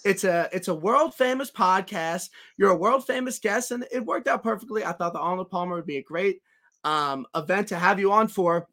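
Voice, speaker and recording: A man's voice: sits high, moderate pace, pushed and bright. A man hosting a podcast, chatting casually and teasing his guest with jokes and stammered restarts. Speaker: podcast host.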